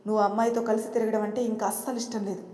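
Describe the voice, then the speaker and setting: A woman voicing a stern middle-aged father who talks back loudly and proudly in a storybook reading. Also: mid-range voice, level tone, rapid-fire, close to an everyday voice. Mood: defiant. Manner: loud, proud and scolding. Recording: roomy with long reverb.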